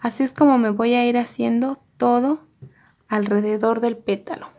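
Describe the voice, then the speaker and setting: Woman, embroidery tutorial, calm and methodical, repeats each step, slightly high voice. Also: moderate pace. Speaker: embroidery teacher.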